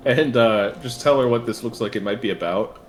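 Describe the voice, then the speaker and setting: A man's voice: medium pitch, fairly quick, faint music behind. A man playing a tabletop game, talking in a rambling, joking way full of hedges. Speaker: player. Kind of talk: casual tabletop play.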